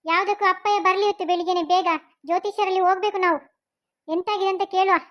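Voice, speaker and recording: A woman's voice: very high voice, fairly even intonation, quick pace, dull audio. A woman voicing a worried, protective mother with a Mangalore Kannada accent, fussing over and scolding her young son.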